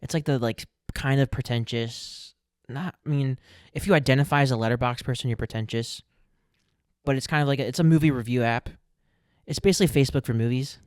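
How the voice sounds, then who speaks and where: A man's voice: mid-range voice, fairly quick, clear, resonant tone, no room sound, clean studio sound. A young man co-hosting a podcast, chatting casually and animatedly with a friend, laughing easily and restarting his sentences. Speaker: podcast co-host. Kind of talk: casual chat.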